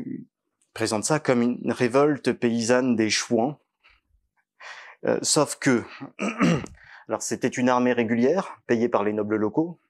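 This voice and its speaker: Halting man giving a campaign speech. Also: mid-range voice. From western France. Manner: earnest, halting with frequent fillers. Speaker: political candidate. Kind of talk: public meeting speech. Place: village hall.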